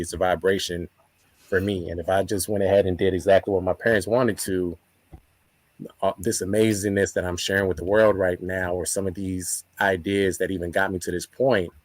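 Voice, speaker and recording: A man's voice: sits low, dry recording. A man gives conversational interview answers. The sound is close and dry, and he reflects as he talks, stacking repeated phrases for emphasis. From born in Nigeria, grew up in the United States. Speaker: spoken word artist and interview guest.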